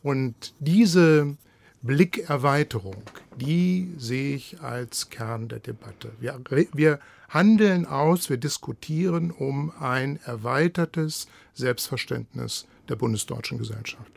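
A man speaking as a panel guest in a radio discussion, deliberate and reflective. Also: medium pitch, expressive, creaky.

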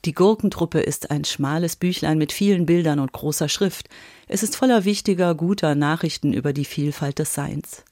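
A woman reading a scripted radio book review in a measured, composed way. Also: deep voice, darkish tone, dry recording, studio quality. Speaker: book critic.

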